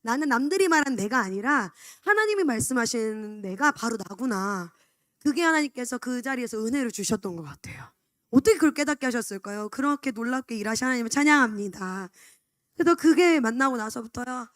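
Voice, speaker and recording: A woman's voice: a little high, animated, brisk, a bit bright, no room sound, clean studio sound. Young woman giving a candid church testimony. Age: 20s. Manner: candid, confessional storytelling. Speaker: church education staff member. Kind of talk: personal testimony.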